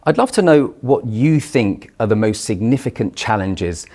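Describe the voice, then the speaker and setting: A man's voice: on the low side, expressive, normal speed, mellow. A man hosting a studio interview at an industry event, friendly and lightly self-mocking as he introduces his guest. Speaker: interview host.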